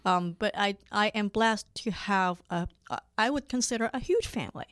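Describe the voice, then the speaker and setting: A woman in her forties from Hong Kong, a lawyer being interviewed, talking in a halting way with many fillers and restarts. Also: mid-range voice, a bit bright, no room sound, studio quality. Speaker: lawyer guest. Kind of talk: conversational interview.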